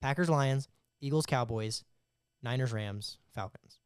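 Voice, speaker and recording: A man's voice: mid-range voice, clean tone, no room sound, studio quality. A young man co-hosting a casual sports podcast, pressing his point with insistent questions. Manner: insistent, rapid-fire questioning. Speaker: podcast co-host.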